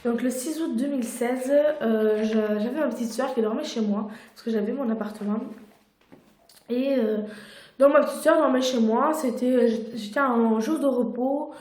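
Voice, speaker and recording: Young woman vlogger, casual storytelling, full of fillers and restarts, slightly high pitch, recorded on a phone in a roomy, echoey space. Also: normal speed, darkish tone. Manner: chatty, many fillers and restarts. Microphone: phone camera. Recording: echoey room.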